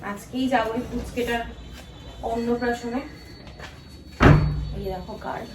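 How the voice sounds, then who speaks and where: A woman's voice: on the high side, steady tone, a little slow. A tired woman chatting casually to her viewers in a home vlog, complaining about chores and lost sleep. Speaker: family vlogger. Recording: echoey room, distant from mic, noisy.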